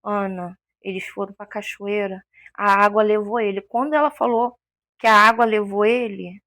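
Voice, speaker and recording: A woman's voice: medium pitch, steady tone, moderate pace, fairly bright tone, no room sound, studio quality. A woman giving an emotional personal testimony as an interview guest, a vivid storyteller who acts out the voices she quotes.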